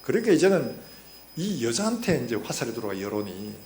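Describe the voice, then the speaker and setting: A man, a pastor preaching a sermon in a church. He tells stories and acts out the quotes, getting louder and softer as he goes. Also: mid-range voice, big pitch swings, a little fast. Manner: storytelling with acted-out quotes, rising and falling loudness. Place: church sanctuary. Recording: echoey church hall with faint hum.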